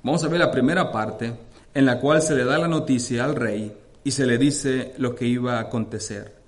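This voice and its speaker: A male pastor preaching a sermon with fervent energy, reading scripture aloud and often addressing the congregation as brothers. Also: moderate pace. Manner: reads scripture aloud with dramatic rises in pitch and force.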